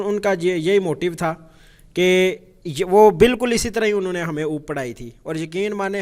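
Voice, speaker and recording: A man's voice: high-pitched, darkish tone. A man with a Pakistani accent teaching programming in a conversational lecture style, repeating phrases and using frequent fillers. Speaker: programming instructor.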